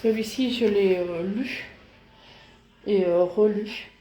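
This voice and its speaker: A woman's voice: mid-range voice, steady tone, slow, warm tone, highs cut off. A woman vlogger chatting casually and hesitantly as she shows off her books, with many fillers. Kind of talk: casual book show-and-tell. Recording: echoey room with faint noise.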